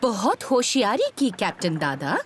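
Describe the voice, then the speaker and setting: A woman voicing a sensible, wry old grandmother pig in a preschool cartoon dub, gently chiding. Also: mid-range voice, huge pitch swings, a little slow, background noise. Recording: loud music and effects behind.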